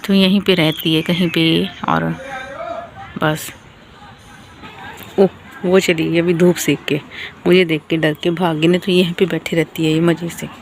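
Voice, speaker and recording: A young woman vlogging casually about her day with her children, sounding tired and sleepy, keeping her voice soft so the baby stays asleep. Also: on the low side, level tone, unhurried, long pauses, slight background noise. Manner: chatty, talking softly to avoid waking a baby. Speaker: vlogger, mother. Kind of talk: casual family vlog talk. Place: outdoors on a home rooftop.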